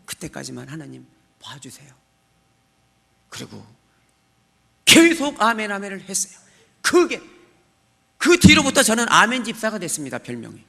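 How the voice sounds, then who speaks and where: A middle-aged man giving a church testimony, with a high, bright and gravelly voice that swings wildly in pitch. He acts out his own prayers dramatically. His words ring through a reverberant church hall. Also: huge pitch swings, a little slow, long pauses.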